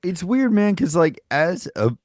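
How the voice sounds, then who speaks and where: A man from Nashville, USA, who sings and co-hosts a podcast chats casually with plenty of energy, swearing freely and saying "dude" constantly. His voice is high and his pace measured. The recording is studio quality with no room sound.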